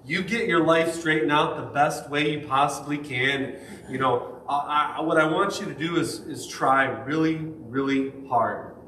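A man's voice: a little high, pushed and bright, distant mic, slight background noise. A man preaching a sermon as pastor in a church, talking in a conversational way with rhetorical questions and stressed words. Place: church sanctuary. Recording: echoey room, speaker off the mic.

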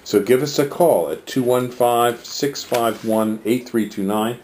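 A man's voice: mid-range voice, measured pace, darkish tone, a little hiss or hum. A man narrating a promotion for his tree nursery, reading through a long list of plants.

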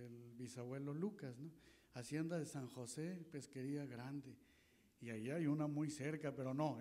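A man's voice: on the high side, dark tone. A middle-aged man from Coahuila, giving a rambling, folksy public history talk on an auditorium stage with a handheld mic. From northern Coahuila, Mexico. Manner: folksy, rambling, with many fillers and restarts. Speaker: guest historian speaker.

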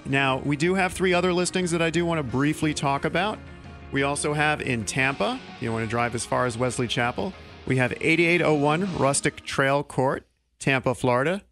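A man in his thirties hosting a local radio talk show in a small studio, speaking into a studio mic with quick, joking delivery. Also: a little high, a bit bright, faint music behind. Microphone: studio mic on boom arm.

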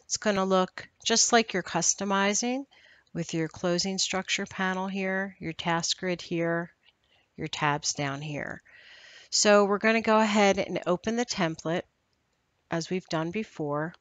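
A woman trainer walking through a screen-recorded software tutorial in a steady, instructional way. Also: mid-range voice, unhurried, no room sound.

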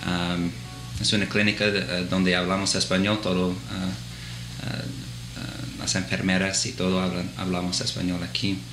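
A man in his thirties, a physician assistant whose first language is English, answers interview questions in Spanish he learned in the Dominican Republic, with an American accent. In a clinic office, his low voice is completely flat at a moderate pace, full of fillers, hesitations, and restarts. The poor audio is echoey, with music underneath.

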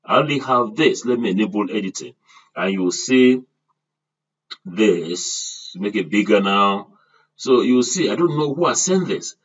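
A man's voice: on the low side, expressive, a little slow, fairly bright tone, slightly rough, far from the mic, dull audio. An older man giving a screen-share lesson, talking straight to his class and asking them to repeat after him. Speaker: online course instructor.

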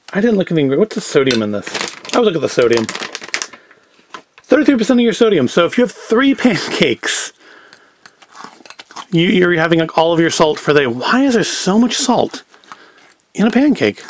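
In a sing-song, high-sitting voice with long pauses at a moderate pace, the host of a homemade food review video rambles casually, wryly second-guessing himself as he cooks. He's at home, at a table and later in the kitchen, with a little hiss or hum in the recording.

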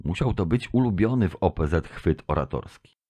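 Deep-voiced man narrating an audiobook. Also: lively intonation, warm tone. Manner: measured first-person storytelling. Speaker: audiobook reader. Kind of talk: scripted narration.

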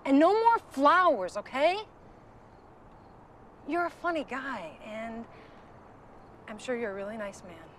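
A tired, firm woman in her thirties in a TV drama. Her voice is high, recorded slightly distant with faint street noise behind it. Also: expressive, measured pace, pauses often, fairly bright tone. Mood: firm, apologetic. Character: tired, firm woman rejecting a persistent admirer. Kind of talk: TV drama acting.

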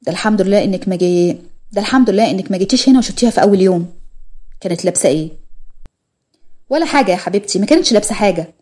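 A woman's voice: mid-range voice, lively intonation, racing, long pauses, a little mellow, natural voice. A woman with an Egyptian accent voicing a doting businessman husband who coaxes and soothes his wife. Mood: coaxing. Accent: Egyptian Arabic. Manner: soothing, coaxing.

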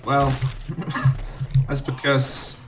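A man hosting a casual game playthrough, talking excitably, exclaiming and swearing at the action. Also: medium pitch, drawn-out words, noisy background. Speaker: host. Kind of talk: let's play gaming commentary. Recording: game music loud behind voice.

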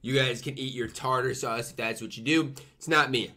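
A man's voice: mid-range voice, fairly even intonation, normal speed, sharp tone. A young man giving a casual food review to camera, talking emphatically and repeating himself for effect. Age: young adult. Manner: talks while eating, murmuring appreciative mms. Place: small room at home, indoors.

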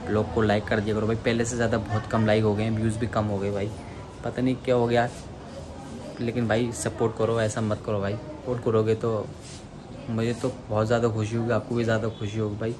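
Against a noisy background, a young man talks a little fast in a lowish, level voice. He's a chatty vlogger making an easygoing daily vlog, calling viewers "brother" over and over, filmed on a handheld phone at arm's length on a rooftop and in a small home room.

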